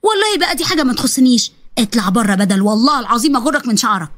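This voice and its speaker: Fierce Egyptian mom, woman narrator voicing her, scolding and threatening, high and rapid, dry. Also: expressive, no room sound. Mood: furious. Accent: Egyptian Arabic. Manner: furious, threatening. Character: angry Egyptian mother, sharp-tongued and fierce.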